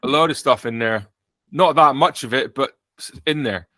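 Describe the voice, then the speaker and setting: A man's voice: medium pitch, moderate pace, sharp tone, dry recording. A man with an English accent hosting a casual podcast chat, joking dryly and poking fun at himself. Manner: dry, joking, self-mocking. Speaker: podcast host.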